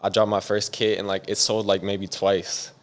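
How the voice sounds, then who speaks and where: Laid-back young man rambling with a smooth voice. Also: lowish voice, normal speed. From San Diego, USA. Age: young adult. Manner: relaxed, rambling, heavy on "like". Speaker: music producer guest. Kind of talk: casual interview chat.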